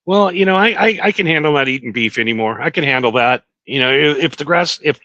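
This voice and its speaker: A middle-aged man co-hosting a casual podcast, telling stories in an animated, self-mocking, profane way from a small studio. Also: on the high side, fast talker, no room sound, muffled recording. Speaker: podcast co-host. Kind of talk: casual stoner chat.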